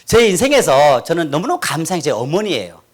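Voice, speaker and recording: A man's voice: a little high, fast talker. A middle-aged man from Korea's North Gyeongsang region giving a humorous church testimony, acting out quotes and having the crowd repeat after him. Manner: animated, acts out quotes, leads crowd in repeating. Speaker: guest speaker giving testimony. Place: church hall with audience. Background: audience laughter.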